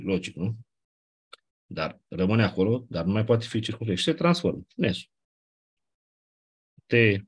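Husky low-voiced man teaching. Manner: explanatory, checks understanding with "nu?". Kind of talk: classroom lecture.

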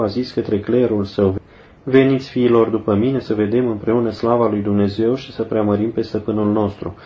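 Solemn man reading a saint's life. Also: mid-range voice. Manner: solemn, measured, slows for prayers. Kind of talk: devotional scripture-like reading. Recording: dull lo-fi recording.

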